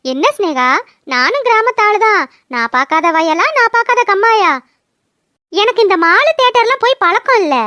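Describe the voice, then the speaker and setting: Woman doing a gentle village woman. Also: very high voice, no echo, clean studio sound, exaggerated voice. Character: homely young village woman, fond.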